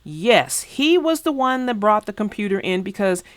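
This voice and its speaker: In a children's read-aloud, a woman with a mid-range voice tells the story and explains it to young listeners in an emphatic, instructive style. Her pitch swings widely at a normal pace, and there's no room sound.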